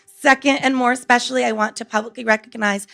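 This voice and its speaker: Woman, very creaky voice, medium pitch, dry sound, earnest teacher reading a prepared speech. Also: steady tone, bright, forceful tone, dry recording. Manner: earnest, measured, articulate. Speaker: teacher speaking at a school board meeting. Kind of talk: prepared speech read aloud.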